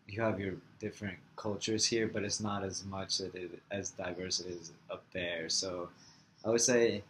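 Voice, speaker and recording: A young Floridian man whose first language is Farsi answers interview questions casually and haltingly, using "like" a lot. His somewhat low voice has a steady, slightly bright tone, with a faint hiss underneath.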